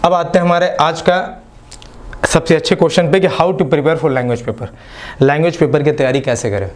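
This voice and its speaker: Man with a Jharkhand Hindi accent, fairly high voice, casual motivational exam-coach delivery with English phrases mixed in. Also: moderate pace. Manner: casual, repeats "ठीक है" as a filler. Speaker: exam coaching channel host. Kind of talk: exam-prep talk to the camera.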